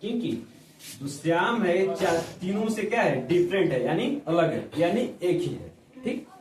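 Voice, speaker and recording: Guy teaching grammar, pretty high voice, echoey room, sounds far from the mic. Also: sing-song, measured pace, a little hiss or hum. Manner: explains with examples, keeps asking "ठीक?". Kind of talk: classroom Hindi grammar lesson. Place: room with students.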